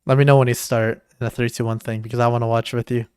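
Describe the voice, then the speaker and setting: A man co-hosting a livestream in casual chat, excitable and jokey, swearing now and then. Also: medium pitch, quick pace, clean tone, no echo, clean studio sound. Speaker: stream co-host.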